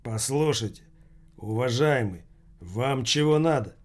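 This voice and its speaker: A man's voice: mid-range voice, lively intonation, a little slow. A man voicing an irritated man who bluffs his way through a tense dinner. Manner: irritated, insistent.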